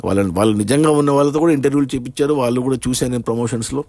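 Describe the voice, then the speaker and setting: A man's voice: mid-range voice, rapid-fire, dark tone. A man giving a casual, rambling spoken film review, with frequent fillers and restarts.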